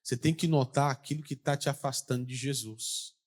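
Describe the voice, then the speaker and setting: A man with a Brazilian Portuguese accent preaching a lively sermon, asking his congregation questions as he goes. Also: medium pitch, fairly quick. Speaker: pastor.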